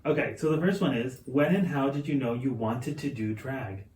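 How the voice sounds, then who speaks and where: A man's voice: medium pitch, moderate pace, darkish tone. A man asking questions and chatting casually as an interviewer. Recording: echoey room, distant mic, faint noise.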